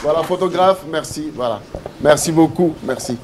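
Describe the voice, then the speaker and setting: A man presenting a live TV event, talking in a hurried, repetitive, excitable way. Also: fairly high pitch, heavy background noise.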